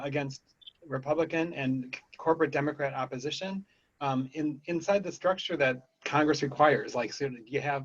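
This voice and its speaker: A man's voice: mid-range voice, lo-fi sound. A man asking a candidate a question on a video call, rambling as he searches for his words.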